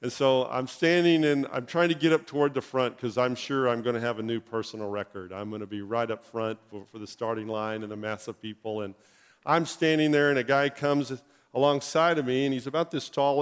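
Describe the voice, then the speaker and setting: A man's voice: medium pitch, fairly quick, smooth. Middle-aged pastor guy telling a funny story, medium voice, echoey church hall. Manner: animated anecdotal storytelling with laughs. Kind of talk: storytelling sermon. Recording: long reverb in a hall.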